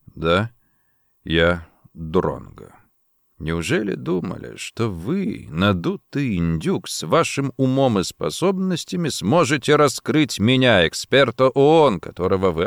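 Man doing a quiet, cold secret agent. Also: on the low side, creaky, no echo, clean studio sound, heavily acted. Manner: quiet, deliberate, measured. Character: calm cold clever male secret agent.

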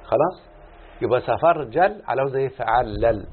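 A man's voice: medium pitch, animated, brisk. A man with an Egyptian Arabic accent teaching a classroom lesson. He keeps checking in with his students, repeats points, and stretches out syllables as he explains. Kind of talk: classroom lesson with call-and-response. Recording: tinny phone-like lo-fi sound with faint background noise.

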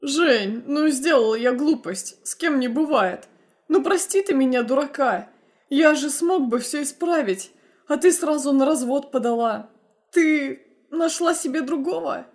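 A woman's voice: high-pitched, unhurried, darkish tone, pitched above the performer's own voice. A woman voicing a smug young ex-husband who coaxes and mocks in a storybook reading. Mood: coaxing mocking. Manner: mocking, coaxing.

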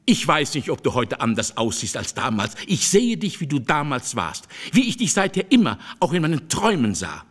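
A man's voice: on the high side, sing-song, moderate pace, few pauses, a bit bright. A man reading the part of an aging, bitter and passionate male seducer in an audiobook, declaiming and insistent.

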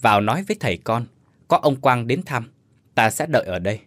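A man voicing a dignified old man near sixty who speaks in a grave, measured way, in a spoken story. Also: mid-range voice, lively intonation, fairly bright tone, no echo. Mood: solemn.

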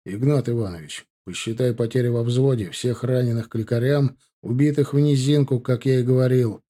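A brisk, decisive young ensign gives orders with a firm, clipped manner, as a male narrator voices him. The tone is dark and mellow. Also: medium pitch, lightly acted. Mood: commanding. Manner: brisk, commanding. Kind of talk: audiobook character voice.

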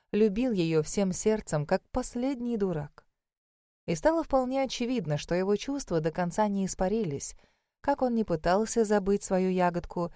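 A woman narrating a fantasy romance audiobook in a measured, expressive way. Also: mid-range voice, dry recording, clean studio sound. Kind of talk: scripted narration.

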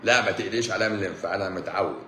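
A man in his forties with an Egyptian Arabic accent, chatting casually on a live stream, sarcastic and mocking, swinging between loud outbursts and low mutters. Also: rapid-fire, reverberant, a little hiss or hum. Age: 40s. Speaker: doctor hosting a live stream. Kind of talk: casual live-stream chat answering comments.

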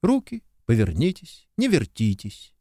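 A man reading an audiobook, voicing a lively, bossy young woman who teases as she gives orders. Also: mid-range voice, unhurried, no echo, clean studio sound. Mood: chirpy. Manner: chirpy, playfully commanding.

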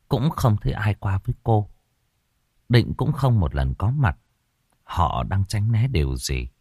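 Lively, expressive male storyteller. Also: deep voice, dry recording, clean studio sound. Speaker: audiobook narrator. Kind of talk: scripted narration.

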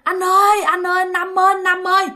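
A woman's voice: very high voice, big pitch swings, brisk, fairly bright tone, pitched above the performer's own voice, exaggerated voice. A woman voicing a frightened little girl who calls out in tears. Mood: scared. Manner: tearful, breathless calling.

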